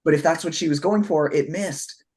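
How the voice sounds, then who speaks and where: A man's voice: fairly high pitch, moderate pace, a little mellow, slightly rough. Sassy, campy man bantering. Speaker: podcast co-host reviewing drag looks. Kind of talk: casual panel review chat.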